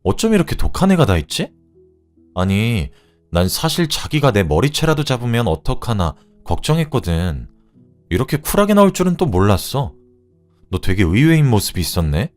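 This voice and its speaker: A man's voice: medium pitch, very animated, moderate pace, soft background music, natural voice. A man playing a sneering smug woman. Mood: mocking. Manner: mocking and condescending.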